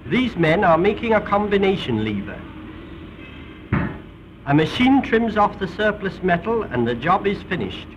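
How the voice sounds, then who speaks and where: On a noisy, dull old film soundtrack, a British man with a high voice speaks at normal speed. He sounds like a 1930s documentary narrator, formal and a touch theatrical, and his delivery swings lively through the lines.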